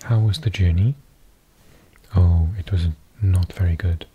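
A man whispering softly and unhurriedly as an ASMR host, reading aloud close to the mic. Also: deep voice, fairly even intonation, highs cut off, a little hiss or hum. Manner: soft, breathy ASMR whisper, slow and unhurried.

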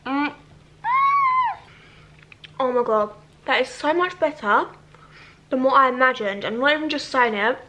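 A chatty young vlogger with a high, bright voice gushes excitedly to camera during a casual cooking vlog in her home kitchen and living room, using lots of fillers. She speaks a little slowly with long pauses, close on the camera mic over a faint room hum, and the audio quality is poor.

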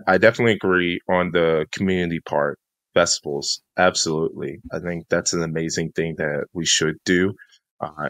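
A man's voice: deep voice, a bit bright, dry recording. A man co-hosting a casual studio podcast, speaking in an emphatic, motivational way. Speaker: podcast co-host.

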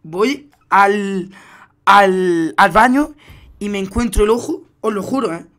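A man's voice: sits high, slow pace. Slangy young man from Spain streaming. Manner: slangy, animated storytelling. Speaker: gaming streamer. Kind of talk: casual gaming stream chat.

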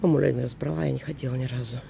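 Out at a seaside resort in the early morning, a woman in her forties vlogs while walking, rambling chattily and self-correcting. She's a Russian speaker living in Germany, hoarse from a cold, with a mellow bass voice, fairly even intonation, and a racing pace over slight background noise.

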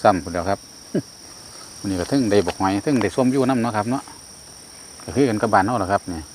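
A man with an Isan accent giving casual commentary as he fishes outdoors, breaking into loud excited exclamations. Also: lowish voice, fast talker. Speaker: fishing vlogger. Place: outdoors by natural water. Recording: outdoor insect noise. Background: crickets and insects.

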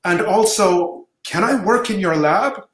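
A middle-aged man from Jamaica, a professor, answering interview questions over a video call with measured storytelling. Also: high-pitched, a bit bright. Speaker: guest professor. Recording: roomy video-call audio.

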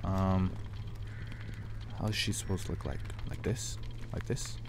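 A man's voice: low voice, a little slow, noisy background. A young man giving casual, reactive let's play commentary into a headset, full of exclamations. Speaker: gaming streamer. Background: video game sounds.

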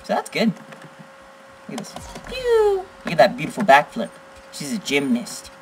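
A teenage boy giving excitable gameplay commentary as a gaming channel host, blurting exclamations and teasing. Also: mid-range voice, normal speed, slight background noise, low-quality recording. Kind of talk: live gameplay commentary with chat.

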